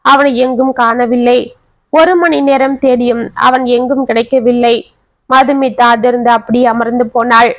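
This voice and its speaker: A woman storyteller narrating a family drama in a steady, expressive reading. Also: a little high, no echo.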